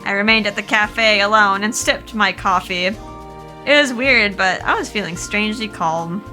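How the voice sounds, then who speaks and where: A woman's voice: mid-range voice, moderate pace, pushed and bright, faint music behind, close to an everyday voice. A woman voicing a dreamy young college student, reading game lines aloud in a wondering tone.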